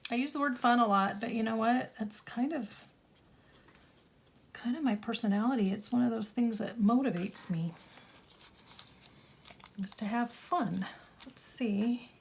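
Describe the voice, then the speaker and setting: A middle-aged woman, a little croaky, chatting casually and rambling as she crafts in her home studio, laughing at herself often. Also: a little high, measured pace, long pauses. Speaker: craft channel host. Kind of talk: casual chat while crafting.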